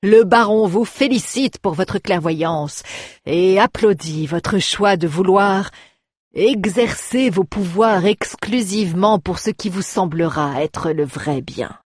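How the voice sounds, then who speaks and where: A woman's voice: mid-range voice, slow pace, darkish tone, slightly rough, no echo, clean studio sound. A woman voicing a scheming middle-aged baron, lazy, mocking and drawling, in a storybook reading. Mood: sardonic. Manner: drawling, sarcastic, turning menacing.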